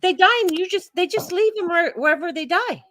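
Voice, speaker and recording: A middle-aged woman hosting a casual group chat, telling everyday stories in an animated, frank way. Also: very high-pitched, fairly quick, dry recording. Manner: chatty, animated storytelling with frank asides. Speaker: livestream host.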